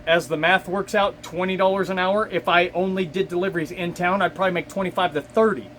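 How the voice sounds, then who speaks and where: A man's voice: on the high side, fairly bright tone, slight background noise. A man, a delivery driver, talking to camera in a casual, exasperated, profanity-heavy rant. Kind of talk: casual ranting monologue.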